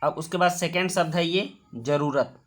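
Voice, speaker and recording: Patient male teacher explaining a worksheet. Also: on the high side. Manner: patient, explaining step by step, repeating words slowly. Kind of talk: worksheet lesson for children.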